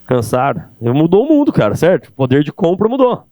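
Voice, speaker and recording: Palestrante brasileiro animado, voz seca com zumbido. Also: male voice, on the high side, a little fast, no room sound. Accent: Brazilian Portuguese. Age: middle-aged. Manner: animated, addresses audience directly with rhetorical questions. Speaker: keynote speaker on sales. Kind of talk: energetic business lecture. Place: event hall.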